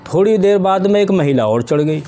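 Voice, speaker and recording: A man's voice: high-pitched, lively intonation, dark tone, faint music behind. A man, telling jokes in a casual storytelling way and acting out his characters' lines. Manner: storytelling, quick acted quotes of characters.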